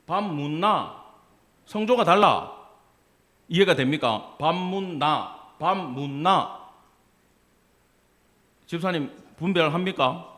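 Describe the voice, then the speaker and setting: A male pastor from the Gyeongsang region with a Gyeongsang accent, preaching a sermon in an animated way and acting out dialect and quoted voices. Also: high-pitched. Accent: Gyeongsang Korean. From Gyeongsang region of Korea.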